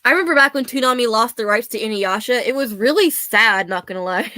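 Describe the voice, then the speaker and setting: A young woman, a bit hoarse, chatting casually and laughing often as she rambles. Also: fairly high pitch, lively intonation, fairly quick, sharp tone, no room sound. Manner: chatty, laughs often, self-deprecating asides. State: slightly hoarse.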